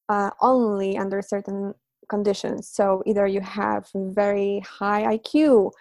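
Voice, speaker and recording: There's no echo on this mid-range woman's voice. In her thirties and a native Polish speaker, she's a language teacher and psychologist taking interview questions on teaching and learning, thinking aloud reflectively, with fillers and soft laughs scattered throughout.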